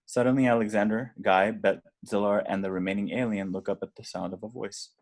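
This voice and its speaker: Reading the stage directions at a table read, a man with a deep, low voice narrates screenplay action slowly and with drama. His intonation stays fairly even, and the tone is slightly mellow.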